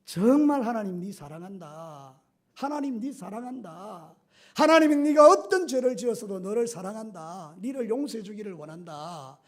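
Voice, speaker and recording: A man voicing a gentle, fatherly male prison guard who speaks softly and earnestly. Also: high voice, expressive, moderate pace.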